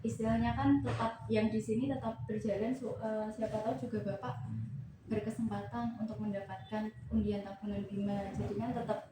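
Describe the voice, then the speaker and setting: A woman's voice: mid-range voice, level tone, a little fast. A woman speaking in a polite, formal customer service voice as a bank officer in a role-play. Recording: echoey room, distant mic, noisy background.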